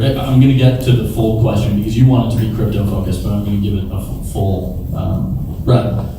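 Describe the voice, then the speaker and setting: In a big, reverberant room full of listeners, a medium-pitched man holds a casual question-and-answer session as a guest venture capitalist. He tells meandering, lively stories, frequently performing the lines of imagined conversations. The mic sits far away, so the echo and background noise come through clearly.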